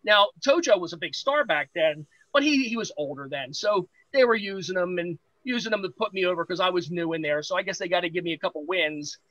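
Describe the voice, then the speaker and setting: A man with a high, bright voice tells an animated anecdote as a podcast guest, jumping into other people's lines as he goes. His sound is dry and close, with no room around it. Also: fairly quick, hardly any pauses, dry recording, lo-fi sound. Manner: lively anecdote-teller, acts out quoted voices. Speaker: podcast guest, pro wrestler. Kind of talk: animated storytelling.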